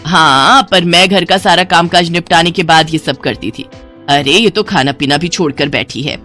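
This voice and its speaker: A woman voicing a quick-tempered middle-aged mother who nags and scolds. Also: fairly low pitch, pushed and bright, faint music behind. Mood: exasperated, scolding. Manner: nagging, exasperated.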